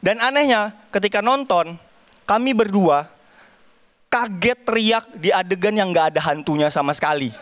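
Brief: young man, very high voice, animated stand-up with sound effects, TV stage. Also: moderate pace. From Kalimantan, Indonesia. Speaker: stand-up comedian. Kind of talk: stand-up set. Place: TV studio stage with audience.

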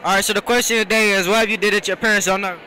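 Bright-voiced teenage boy asking questions. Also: sits high, steady tone, racing, a little hiss or hum, low-quality recording. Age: teens. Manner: repeats the same question, laughs along. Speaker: interviewer. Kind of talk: casual street interview. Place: school cafeteria.

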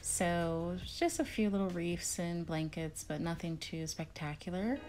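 A woman's voice: on the low side, measured pace, faint music behind. A young woman casually narrating her shopping trip and event-decor vlog as a picnic planner, chatty and upbeat. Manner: chatty and upbeat, relaxed commentary with fillers.

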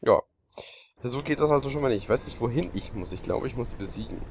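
Animated sarcastic man commentating a game. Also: medium pitch, fast, vocal fry, lo-fi sound, noisy background. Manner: sarcastic, exclaiming, talks to viewers. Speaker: let's play commentator. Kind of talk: gaming commentary.

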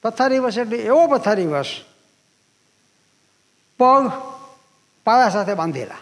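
An elderly man in his eighties, a guest speaker at a public talk, tells stories from his own life to a listening audience. His voice is high for a man and sing-song, and he speaks unhurriedly, pausing and repeating phrases. A long reverb trails after him in the large hall.

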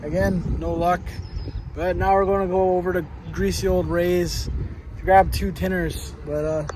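A man's voice: high voice, level tone, normal speed. Joking young man filming a fishing vlog. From Canada. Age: young adult. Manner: joking, mock-review delivery. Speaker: vlog host. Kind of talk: casual fishing vlog commentary. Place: outdoors on a lake and in a car. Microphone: handheld phone camera at arm's length. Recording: outdoor phone audio with loud wind and engine noise.

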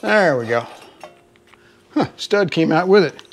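A middle-aged man with a Southern drawl talks his way through a repair job in his home garage. His voice sits a touch higher than most men's. He rambles in a folksy way and keeps calling his viewers folks. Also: expressive, measured pace. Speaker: home mechanic host. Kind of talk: casual how-to narration while working. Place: home garage, working under a car.

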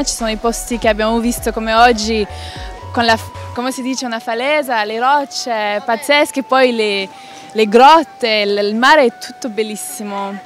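Higher-pitched enthusiastic young woman. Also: a bit bright. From Sweden. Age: young adult. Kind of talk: casual interview answers. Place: outdoor café street at night. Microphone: handheld interview microphone.

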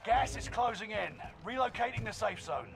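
A man's voice: high-pitched, expressive, moderate pace, gravelly. An actor playing a terse male military commander in a game, giving clipped radio-style callouts. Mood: commanding. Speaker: in-game mission announcer. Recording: loud gunfire and battle noise behind.

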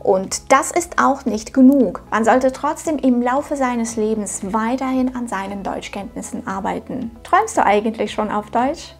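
Soft music plays behind a slightly high, darkish voice moving at normal speed with few pauses. The speaker, a woman in her thirties whose first language isn't German, teaches German on her channel in scripted home-studio videos, addressing viewers directly with upbeat encouragement.

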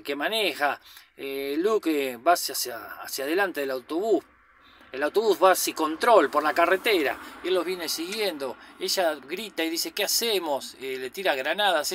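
A man's voice: a little high, a bit bright. A man casually recapping a movie in a loose, slangy way. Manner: chatty, loose retelling with slang asides and fillers. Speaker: film commentator.

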